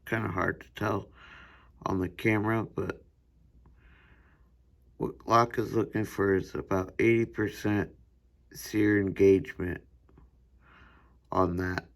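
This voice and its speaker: A slow-talking American man walks through a hands-on demonstration, pausing often with fillers. His voice sits low and carries a gravelly rasp. He sounds like a student presenting a practical lesson. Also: steady tone. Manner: unhurried, hesitant with fillers. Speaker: gunsmithing student. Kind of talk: instructional demonstration.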